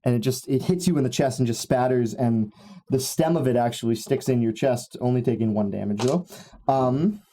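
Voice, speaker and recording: A man's voice: medium pitch, normal speed, dark tone, a little hiss or hum. A man narrating as game master of a tabletop game, rambling with many fillers and laughing at his own jokes.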